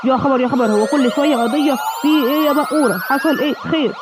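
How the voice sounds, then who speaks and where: A woman's voice: sits high, racing, loud music behind the voice, natural voice. A woman with an Egyptian accent voicing a stern male police officer who lectures. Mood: officious. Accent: Egyptian Arabic. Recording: dull lo-fi, clear background noise.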